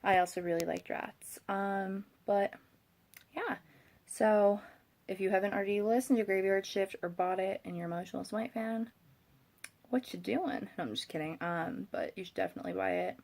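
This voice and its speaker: A woman's voice: mid-range voice, normal speed, vocal fry, a little mellow. A young woman chatting casually as a vlogger, tired and rambling with hesitations, her speech slightly thick from a swollen tongue. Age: young adult. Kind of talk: casual chat to camera.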